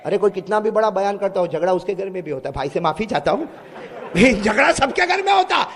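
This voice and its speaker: A middle-aged man preaching to a gathering, telling stories with jokes and sudden loud exclamations. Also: sits high, big pitch swings, a little fast. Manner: joking, bursts into loud exclamations. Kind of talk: humorous sermon storytelling. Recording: echoey hall reverb.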